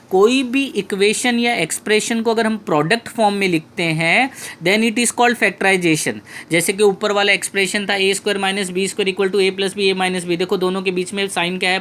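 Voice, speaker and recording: A male math tutor with an Indian English accent, teaching a lesson and repeating key phrases slowly to his students. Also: sits high, a bit bright. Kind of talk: classroom lesson.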